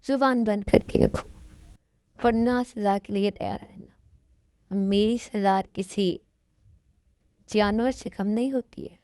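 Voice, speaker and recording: A woman's voice: mid-range voice, fairly even intonation, slow pace, pauses often, mellow, no echo, clean studio sound, lightly acted. Woman voicing a cold, menacing young mafia man. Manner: threatening, curt and commanding. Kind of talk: fan Hindi dub of a love story.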